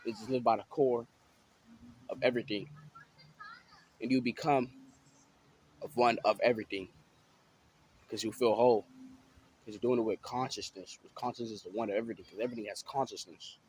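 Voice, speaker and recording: A man vlogs about spiritual awareness in a casual motivational talk, rambling and heavy on fillers. He keeps checking in with listeners by asking "you know what I'm saying". His medium-pitched, darkish voice has a breathy edge and fairly even intonation, moving a little fast and pausing often.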